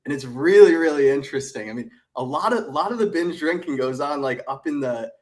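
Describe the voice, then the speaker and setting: A man's voice: a little high, animated, brisk. A man on the show's team chatting casually in a laid-back, hesitant way. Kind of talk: casual chat.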